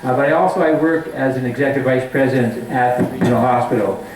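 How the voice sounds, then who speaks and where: A middle-aged man from Canada, a family physician and guest speaker, talks fast in a mid-range, darkish voice with fairly even intonation, giving a chatty community forum talk with many restarts and fillers. The handheld mic is caught by a far camera in an echoey community hall meeting room, with slight background noise.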